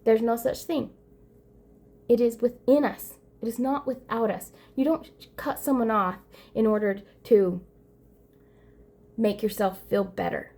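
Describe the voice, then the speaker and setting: A woman's voice: fairly high pitch, fairly even intonation, unhurried, darkish tone. Earnest woman giving a self-help talk. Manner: earnest, emphatic, repeats phrases and restarts. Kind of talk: motivational monologue to camera.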